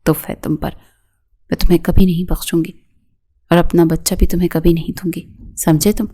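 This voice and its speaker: A woman's voice: lowish voice, level tone, husky. A woman reading the part of a jealous, furious young wife who hurls insults. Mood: spiteful. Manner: spiteful, shouting insults.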